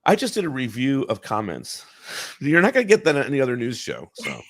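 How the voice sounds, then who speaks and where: A man's voice: mid-range voice, wildly swooping pitch, fairly quick, a bit bright, no room sound, clean studio sound. Loose, joking man podcast host. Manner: loose and joking, swears casually, trails off mid-sentence. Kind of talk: casual podcast chat.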